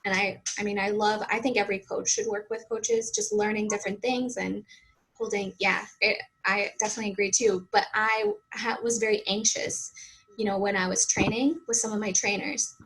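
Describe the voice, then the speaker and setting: A woman with a Boston-area accent talks as a guest on an interview show. She speaks in an open, honest, casual way, full of fillers and restarts. Her pitch sits in the middle range. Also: fairly even intonation, moderate pace, fairly bright tone, slightly rough, rough recording. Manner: open, chatty, many fillers. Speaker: fitness coach guest.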